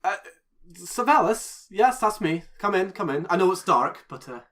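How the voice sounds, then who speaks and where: A man's voice: high-pitched, animated, moderate pace, a bit bright, pitched above the performer's own voice. A man doing a chatty candle-maker shopkeeper. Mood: friendly. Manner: chatty, fond of fillers.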